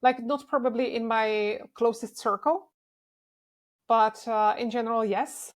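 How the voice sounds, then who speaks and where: A young woman from the Czech Republic, talking as a guest in a casual interview, relaxed and candid. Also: a little high, measured pace. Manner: relaxed and candid, with frequent restarts and laughs.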